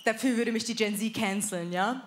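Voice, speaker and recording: A slightly high female voice at normal speed comes through a live stage mic with a little hiss or hum and crowd laughter. The woman, in her thirties, hosts and does stand-up at a comedy club before an audience, brash and self-mocking as she energetically announces the acts.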